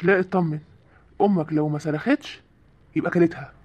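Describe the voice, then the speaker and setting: A man's voice: fairly high pitch, fairly even intonation, a little fast, darkish tone, breathy edge, dull audio. A man voicing a cowardly, panicky sheikh in a comic cartoon, with an Egyptian accent and a pleading, jittery way of talking. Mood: grumbling. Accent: Egyptian Arabic. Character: cowardly middle-aged male sheikh, panicky. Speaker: sheikh called to drive out spirits.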